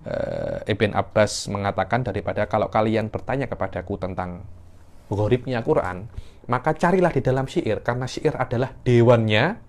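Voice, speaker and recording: A man giving a classroom lecture on Quranic sciences, explaining terms and rising sharply in pitch when he stresses a point. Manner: explains, then rises sharply in pitch for emphasis. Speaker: religious teacher.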